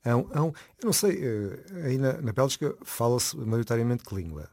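Hosting a casual interview like a radio host, a man with a European Portuguese accent sounds chatty and enthusiastic. His medium-pitched, darkish voice is very animated at a normal speed, and he often repeats his phrases.

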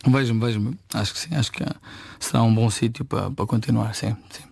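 A man's voice: on the low side, fairly even intonation, a little fast, creaky, a little mellow, breathy edge, no room sound. A man from Portugal with a European Portuguese accent, a chef answering interview questions, often repeating words as he searches for them.

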